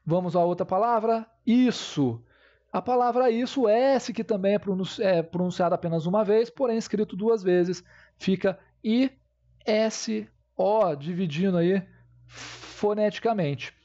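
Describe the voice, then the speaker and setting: A man's voice: high voice, measured pace, mellow, lo-fi sound. A man teaching a grammar lesson, explaining step by step and checking in with his viewers.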